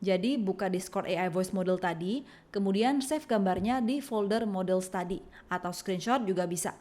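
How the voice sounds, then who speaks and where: In scripted narration, a woman talks through a software tutorial step by step, at normal speed and with a voice of typical female pitch.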